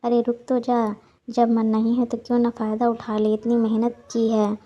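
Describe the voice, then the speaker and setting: A woman's voice: a little high, monotone, normal speed, highs cut off, lightly acted. A woman reading a menacing, burly male thug in a storybook, with coarse and threatening lines.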